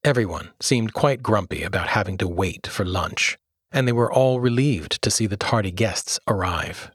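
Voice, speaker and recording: Guy reading a kids book out loud, low husky voice, dry close sound. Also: normal speed, no room sound. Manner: expressive storyteller, voices characters. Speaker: narrator. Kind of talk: audiobook reading.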